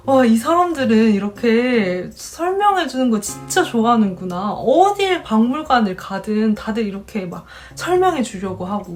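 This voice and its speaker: Chatty young Korean-speaking woman vlogger. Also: fairly high pitch. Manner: chatty, animated, acts out quoted people. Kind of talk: casual storytelling to camera.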